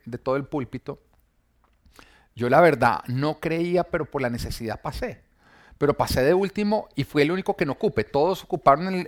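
A man earnestly telling his personal faith testimony, recounting scenes and quoting what people said. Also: a little high. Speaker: church member giving testimony.

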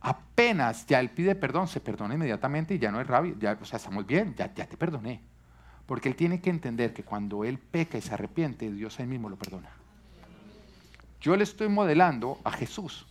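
A man's voice: medium pitch, big pitch swings, a little fast. A man preaching a sermon to a live congregation, teaching earnestly and asking the listeners rhetorical questions. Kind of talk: sermon on parenting.

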